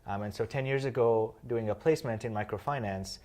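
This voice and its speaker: A man in his thirties from Kenya, a guest in an interview, explaining his work in a measured way with frequent "um" fillers. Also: fairly low pitch, darkish tone. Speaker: interview guest, social finance founder. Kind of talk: conversational interview answers.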